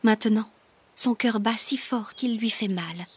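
A woman reading a children's story aloud in a slow, expressive way, often dropping to a whisper. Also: fairly high pitch, breathy edge.

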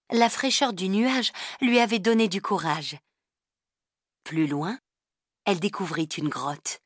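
A woman narrating a children's story in a calm, even storybook manner. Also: on the low side, dry recording, studio quality.

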